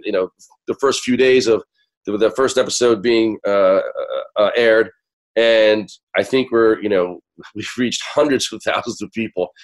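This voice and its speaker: An American man hosting a radio show, sick and hoarse, his voice cracking as he talks conversationally to listeners. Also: on the low side, poor audio.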